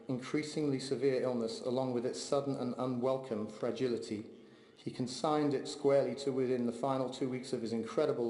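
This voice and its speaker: The speaker, son of the deceased, gives a heartfelt eulogy for his father at a memorial. His mid-range voice stays measured and steady as he reads aloud, while the large hall's echo lingers in a long reverb.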